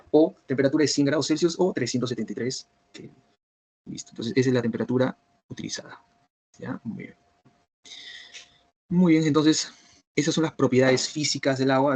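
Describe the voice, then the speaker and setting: Fast-talking husky male teacher. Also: mid-range voice, darkish tone, no room sound. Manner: repetitive, checks understanding with "¿está bien?" and "¿cierto?". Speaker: biochemistry teacher. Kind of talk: online review lecture. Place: online class.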